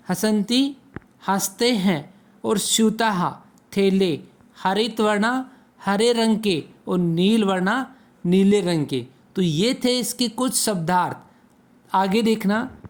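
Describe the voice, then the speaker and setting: A man teaching a Sanskrit lesson to children, patiently asking questions and answering them himself. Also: high-pitched. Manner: slow, patient, asks and answers own questions.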